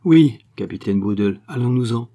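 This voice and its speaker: A man's voice: mid-range voice, animated, moderate pace, mellow. A man voicing a scheming foreign woman spy, brazen and wheedling. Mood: scornful.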